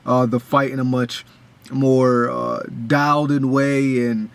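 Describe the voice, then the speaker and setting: A man's voice: medium pitch, flat delivery, takes it slowly, gravelly, smooth. A young man giving a casual, rambling breakdown of a boxing match as a fan, full of restarts and fillers.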